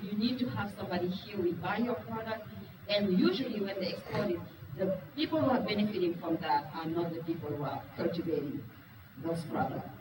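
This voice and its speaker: In an echoey, noisy meeting room, a woman with a medium-pitched voice addresses a live audience at a business talk through a far-off mic. A native Wolof speaker, she is frank and earnest and keeps asking her listeners questions.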